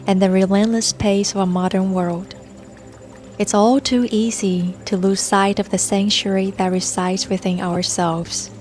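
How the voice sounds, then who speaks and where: With a brook babbling and soft music underneath, a mid-pitched female meditation guide delivers a calming script at a very leisurely, gentle pace.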